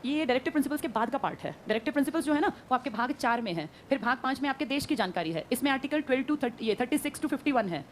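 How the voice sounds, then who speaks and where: A woman teacher giving a brisk classroom lecture, quizzing her students and answering her own questions. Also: sits high, lively intonation, slight background noise.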